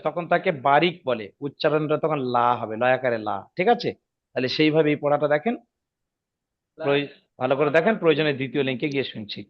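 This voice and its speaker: A man teaching Quran reading rules in an online lesson, patiently repeating each rule and checking if his students follow. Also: a little high. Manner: slows down and drawls when demonstrating recitation. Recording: dull lo-fi audio.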